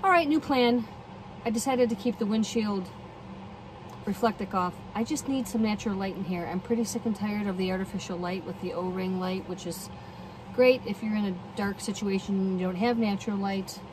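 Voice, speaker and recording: A woman's voice: mid-range voice, normal speed. A middle-aged woman chatting casually on her van camping vlog, upbeat and thinking aloud as she shows things around her parked minivan. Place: inside a parked minivan, heater running. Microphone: phone camera held or mounted close. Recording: steady heater noise behind.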